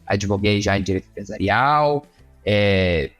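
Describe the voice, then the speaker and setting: A man, a lawyer guest explaining at length and pausing to find his words. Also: lowish voice, lively intonation, fairly bright tone, faint music behind. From Minas Gerais, Brazil. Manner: measured, explanatory, searching for words. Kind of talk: interview guest.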